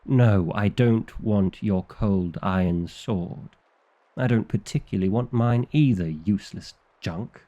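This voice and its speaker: A man with a fairly low, dark voice speaks slowly and sounds annoyed. He is acting out an ASMR roleplay as a fussy vampire librarian at the end of his patience, officious and indignant with a dry comic edge.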